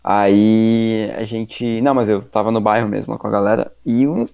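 A man's voice: on the low side, steady tone, normal speed, gravelly, mellow, clean tone, dry recording, muffled recording. A young man telling a story in a slangy, rambling way full of fillers on a casual podcast.

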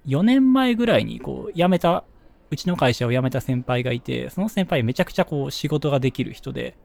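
A young man with a Kansai accent, chatting casually as a podcast co-host, musing with quick asides. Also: mid-range voice, animated, gravelly, darkish tone. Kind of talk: casual chat.

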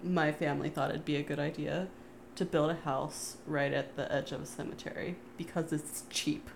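A woman co-hosting a podcast, chatting casually and telling a personal story with wry, quick asides. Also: low-pitched, gravelly, crowd noise. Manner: relaxed and wry, quick asides, laughs often. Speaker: podcast co-host.

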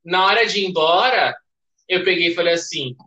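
A young man with a Brazilian accent, a podcast guest telling a story in casual chat, animated and laughing. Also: sits high, fairly quick, muffled recording.

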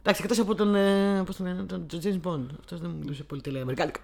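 A woman's voice: lowish voice, fairly even intonation, creaky, a little mellow. A woman co-hosting a casual podcast, enthusiastic and often searching for words. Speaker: podcast co-host.

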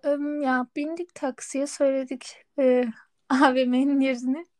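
A woman's voice: high voice, measured pace. A young woman, co-hosting a podcast in casual chat and switching between two languages as she animatedly acts out little exchanges. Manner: animated storytelling, acting out quoted exchanges. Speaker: podcast co-host. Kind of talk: casual chat, anecdotes mixing Turkish and German.

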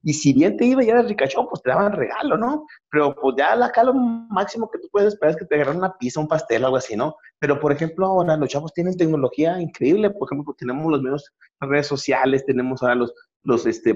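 Give me a middle-aged Mexican man hosting a casual chat, rapid and joking, on a dull lo-fi recording. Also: a little high, expressive, a little mellow. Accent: Mexican Spanish. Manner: joking storyteller, many restarts.

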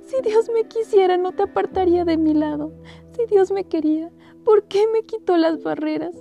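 A woman's voice: moderate pace, vocal fry, dark tone, dull audio, soft background music. A woman voicing a grieving young woman who pleads, sobbing, over her dying mother in a dramatic audiobook reading. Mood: anguished pleading. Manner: sobbing, pleading, high-pitched.

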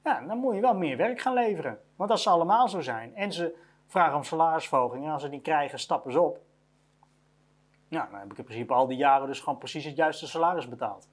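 Business owner ranting motivational advice, blunt, says everything twice, middle pitch. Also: lively intonation, fast talker, breathy edge. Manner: blunt, repetitive, drives points home. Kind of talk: motivational monologue.

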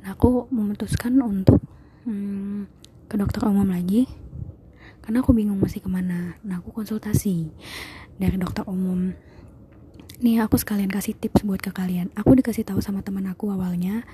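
A young woman speaks to her viewers in a very dark, mellow tone. Her casual talk is hesitant and breathy, often dropping to near a whisper and full of small fillers. A faint hiss of noise sits under her voice. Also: mid-range voice, fairly even intonation, moderate pace, long pauses. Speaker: vlogger.

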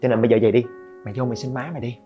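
A man's voice: medium pitch, level tone, racing, lo-fi sound, soft background music, lightly acted. A man playing an easygoing father who teasingly pushes his son to go beg his mother instead. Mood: conspiratorial. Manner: teasing, chummy, eggs the child on. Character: easygoing dad dodging a son's request.

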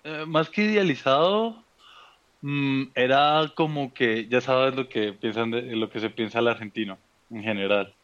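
A man with a Bogotá Colombian accent chats as an interview guest, relaxed and rambling, with plenty of fillers. His voice sits in the middle range. The recording is dry and a little dull, with no room sound. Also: medium pitch, a little slow, dry recording. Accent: Bogotá Colombian (rolo). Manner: relaxed, storytelling with many fillers. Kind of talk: casual interview conversation.

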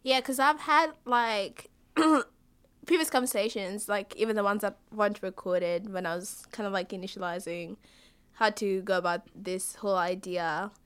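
A woman's voice: medium pitch, fairly even intonation, normal speed, smooth. A young woman interviewing someone casually, peppering her questions with "like" and letting her sentences trail off. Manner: casual, many "like" fillers, trailing off softly.

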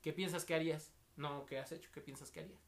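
A man's voice: fairly high pitch, steady tone, fast, fairly bright tone. A young man with a Mexican accent, co-hosting a casual podcast and telling anecdotes with slang, acting out the voices of the people he quotes. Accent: Mexican Spanish. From State of Mexico. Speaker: podcast co-host.

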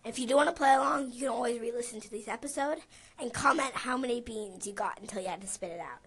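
A woman's voice: a little high, quick pace, a bit bright, husky. A woman chatting casually in a taste challenge, dramatic and complaining with laughter. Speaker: co-host.

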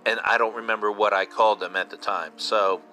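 A man in his fifties hosts a casual solo podcast in a lowish, steady, sharp voice, speaking briskly. He chats like an enthusiastic fan and repeats himself for emphasis, over soft background music in poor-quality audio.

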